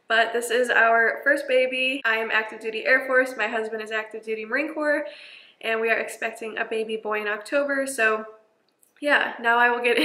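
A woman's voice: a little high, bright, forceful tone. A young woman casually explaining things to her viewers, a little out of breath and laughing lightly now and then. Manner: chatty, friendly, laughs lightly. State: slightly out of breath. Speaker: vlogger, active duty airman. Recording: echoey room.

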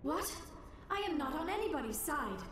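A woman's voice: high voice, very animated, normal speed. An actress playing an anxious, earnest young female alien scientist in a video game, speaking in careful formal words. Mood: indignant, pleading. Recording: echoey, distant game audio with noise.

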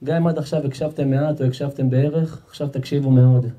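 A rabbi preaches at a house-warming gathering in a home. His voice is dark and mellow and sits at a middle pitch. He presses his points by repeating them and speaks straight to the listeners. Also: fairly even intonation. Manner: emphatic, repeats himself, talks directly to the audience.

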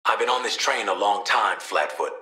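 An actor voices video game lines as a cynical, cocky assassin who is also a protective father, speaking with an American accent in a wry, slangy, streetwise way. His voice is fairly low and sharp at normal speed, wry and confident, recorded in an echoey room.

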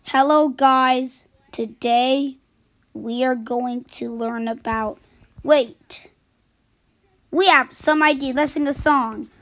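A woman's voice: high-pitched, fairly even intonation, slow pace. A woman voicing every part of a homemade cartoon, jumping between silly, squealing and whining character voices. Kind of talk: homemade cartoon voice acting, all parts by one voice.

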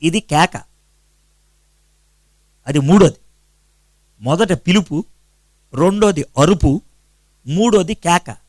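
Male pastor preaching, pretty high voice, dry close sound, asks the crowd questions and answers them himself. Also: a little mellow, dry recording. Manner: counts out points slowly and with emphasis. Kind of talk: sermon.

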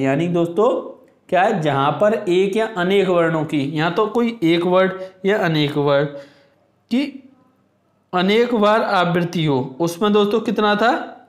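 A man teaching an exam-prep Hindi grammar lesson, explaining patiently and reading examples aloud slowly. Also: high-pitched, roomy sound. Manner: explains slowly, addresses viewers as friends, reads examples aloud.

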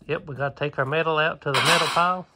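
A slightly high-voiced man in his thirties with a drawl, easygoing and plainspoken as he narrates his chores. He fills pauses with "uh" and keeps a relaxed homestead-vlog pace, speaking into a phone camera held at arm's length in an open wooden barn. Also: heavy background noise. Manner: easygoing, plainspoken, many "uh" fillers. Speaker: homesteader vlogger. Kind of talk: casual walkthrough narration.

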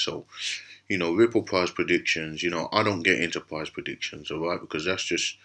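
Gravelly and very deep, his voice roughened by a cough, a crypto channel host still sounds bright and forceful. He meanders through laid-back commentary over a screen recording, full of restarts and filler words.

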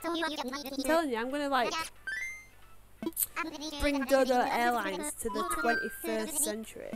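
A young Yorkshire woman talks casually over her game, rambling and filling her sentences with "like". Her voice sits high, and game music plays clearly underneath. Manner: chatty, rambling, lots of "like" fillers. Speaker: gaming YouTuber. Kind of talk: casual gameplay commentary. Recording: music playing behind the voice.

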